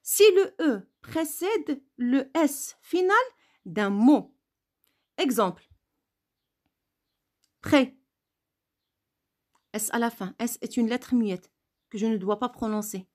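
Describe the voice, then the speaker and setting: Slow, higher-voiced woman teaching. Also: expressive. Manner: slow, repeats words and letters to stress pronunciation. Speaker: French teacher. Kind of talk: grammar lesson.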